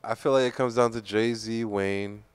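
A man with a New York accent and a low voice, talking casually on a podcast. His tone is smooth and clear, and the recording is dry and close. He hesitates and restarts often as he thinks aloud. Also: fairly even intonation, moderate pace, no room sound. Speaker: podcast co-host. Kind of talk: casual chat.

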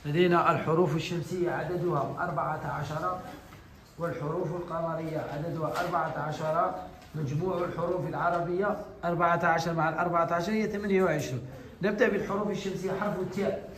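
A man's voice: a little high, steady tone, fast, crowd noise. A male teacher leading a classroom lesson with young pupils. He talks patiently, repeats each letter and praises the answers.

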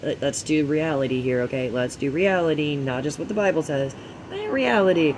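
A man delivering a ranting monologue vlog, swearing heavily and swinging between a hushed murmur and loud outbursts, full of preachy rhetorical questions. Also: a little high, big pitch swings, fairly quick, slight background noise, poor audio. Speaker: vlogger.

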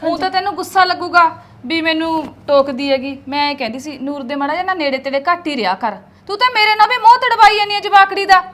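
A woman's voice: very high-pitched, lively intonation, fast, a bit bright. An actress playing a young mother who curtly tells her sister-in-law to keep away from her daughter. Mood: reproachful. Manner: curt, reproachful. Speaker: actor. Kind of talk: Punjabi short film acting.

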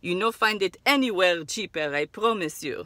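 A woman voicing a pushy, flattering Israeli mall kiosk salesperson in halting broken English, with an Israeli accent. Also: mid-range voice, dry recording, lightly acted. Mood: wheedling.

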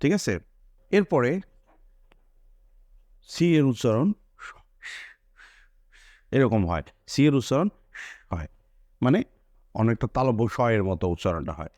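A man's voice: mid-range voice, very animated, a little slow, long pauses, darkish tone, no echo, studio quality. A man teaching English pronunciation, repeating each example word several times and pointing things out. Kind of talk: spoken English pronunciation lesson.

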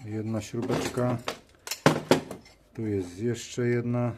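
At a cluttered indoor workshop bench, a male video host gives casual running commentary as he works, muttering to himself in short phrases. His voice is medium-pitched with fairly even intonation, and he takes his time. Clicks and noise from tools and parts come through clearly in the background.

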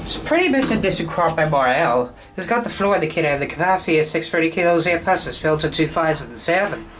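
A man's voice: on the high side, expressive, quick pace. A man filming with a handheld phone at a train station, narrating an elevator ride and plainly listing its details. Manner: matter-of-fact, lists elevator details. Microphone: handheld phone camera. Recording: noisy station ambience, passing trains.

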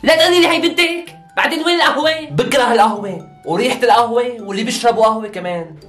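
A man voicing a loud, mocking young woman who refuses an arranged match, in a comedy sketch. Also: very high voice, racing, roomy sound, soft background music. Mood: rude. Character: brash, rude young woman resisting marriage.

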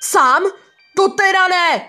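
A woman's voice: high voice, soft background music, pitched above the performer's own voice, close to an everyday voice. A woman voicing Chota, a frightened teenage boy, in a panicky read. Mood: panicked. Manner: panicky, shouting refusal.

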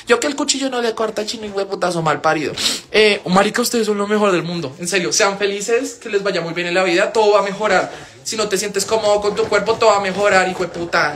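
Swearing young Colombian guy streaming live. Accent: Colombian, Bogotá. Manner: animated, swears a lot, swings into loud high-pitched wails. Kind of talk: casual livestream chat.

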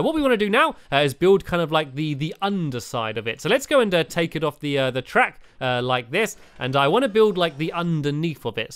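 A young British man giving chatty, excitable commentary while playing a building game, full of fillers and restarts. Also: fairly high pitch, clear, resonant tone, dry recording, clean studio sound. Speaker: gaming video creator. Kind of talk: casual gameplay commentary.

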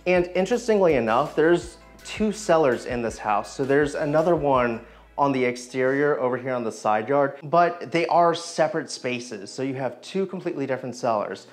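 A man's voice: mid-range voice, expressive, normal speed, soft background music. A man in his thirties hosting a walking tour of an old house, enthusiastically guiding viewers from room to room. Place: empty old house, indoor rooms.

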